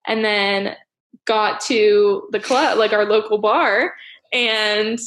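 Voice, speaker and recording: A woman's voice: mid-range voice, steady tone, slow, a bit bright. A young woman hosting a casual podcast chat, rambling with lots of fillers and frequent laughs. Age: young adult. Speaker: podcast host.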